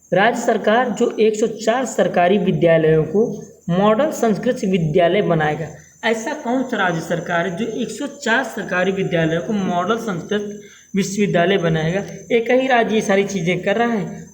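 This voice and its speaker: A man's voice: sits high, darkish tone, poor audio. A man teaching exam-prep current affairs as a lecture, repeating each question and tagging lines with "theek hai", in a North Indian Hindi accent.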